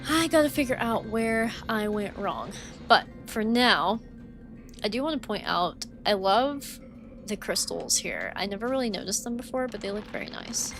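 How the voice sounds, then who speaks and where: A woman with a slightly high, animated, somewhat bright voice chats at normal speed while livestreaming a game, with game music behind her. Her casual talk rambles and is packed with "like" and "um", and her voice grows dry and worn from talking so long.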